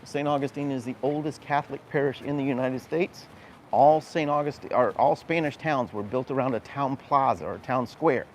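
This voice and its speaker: A man with a mid-range voice and normal speaking speed hosts a live walking tour of a town. Conversational and explanatory, he points things out, while the outdoor recording picks up street noise and urban ambience.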